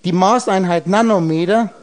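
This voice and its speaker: At a moderate pace and with a voice that sits high, a man lectures a group about esoteric ideas. His talk rambles as he breaks words apart into letters and numbers, questioning listeners head-on.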